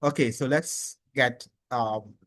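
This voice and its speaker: A man giving opinionated political commentary in an animated, preachy way, with halting restarts. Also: mid-range voice, dry recording.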